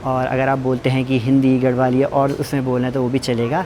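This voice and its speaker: A man's voice: mid-range voice, completely flat delivery, fairly quick, noisy background. A young man from Uttarakhand, vlogging in a casual, chatty way while walking outdoors in hill country. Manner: chatty, leaning on fillers and loose restarts.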